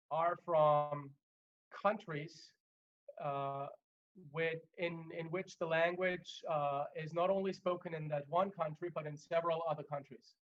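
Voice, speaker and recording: The speaker is a man who trains people in law, a native German with a slightly high voice. His delivery is measured but full of fillers and restarts. The sound is muffled, typical of a webinar recorded through a video call.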